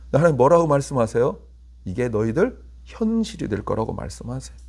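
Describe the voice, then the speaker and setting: A man preaching an early-morning sermon at a middle pitch. He keeps asking the listeners questions, and his voice climbs to emphatic peaks before dropping back low. When he leads the prayer he slows down and turns soft. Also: very animated, creaky, breathy edge. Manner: soft, slow and hushed when leading prayer. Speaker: pastor.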